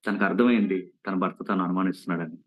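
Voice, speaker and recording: A man's voice: low voice, fairly even intonation, quick pace, rough recording. A man preaching to young people, telling a cautionary story with earnest repeated warnings and questions to the listeners. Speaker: youth preacher. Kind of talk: sermon storytelling.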